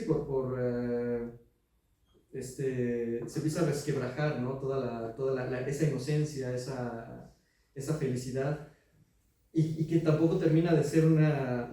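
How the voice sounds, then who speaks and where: A man's voice: medium pitch, mellow. A man moderating a book presentation, asking the author a long, searching question with many hesitations and tag questions. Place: book presentation venue, large room. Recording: very echoey room, mic far off.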